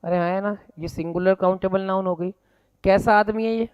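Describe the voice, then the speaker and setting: A man's voice: high voice, steady tone, normal speed, smooth, lo-fi sound. Man drilling a class with questions. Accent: Indian. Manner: drills students with repeated questions; mixes Hindi and English. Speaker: English teacher. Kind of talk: live classroom lecture.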